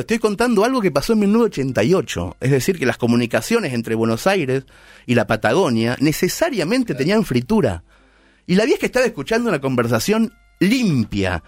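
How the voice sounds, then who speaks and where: A middle-aged man with an Argentine Spanish accent tells a story in a playful, conversational monologue. His voice is a little high and a little mellow, with no room sound.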